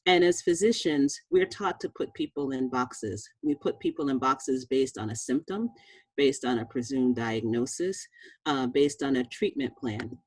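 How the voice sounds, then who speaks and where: A woman's voice: very deep voice, animated, a little slow, a little mellow, breathy edge, no room sound. Dry-voiced woman physician giving a lecture. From Boston, USA. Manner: conversational, checks in with "all right?" and "okay?". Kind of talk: presentation lecture.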